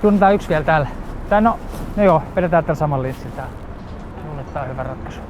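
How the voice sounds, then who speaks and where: A photographer from southeastern Finland talking casually on location outdoors, lively and quick to exclaim. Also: male voice, fairly high pitch, noisy background. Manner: lively, exclaims while shooting. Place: outdoors in town.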